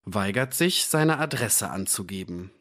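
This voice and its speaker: A man's voice: fairly low pitch, lively intonation, a little slow, a bit bright. A man voicing an irritable police desk sergeant who talks in a dry, sarcastic way.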